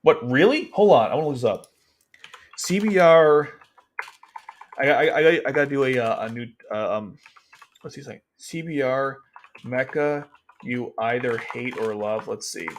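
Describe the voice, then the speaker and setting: A man commentating casually on a livestream, reading an article aloud and reacting to it with excited, exasperated outbursts. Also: medium pitch, measured pace, pauses often, slight background noise.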